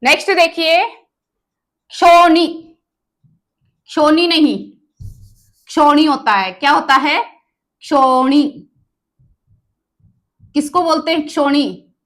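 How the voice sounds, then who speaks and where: A woman's voice: high-pitched, slow, long pauses, a bit bright. A woman teacher giving an exam-prep grammar lesson, repeating each word and quizzing her students on the right form.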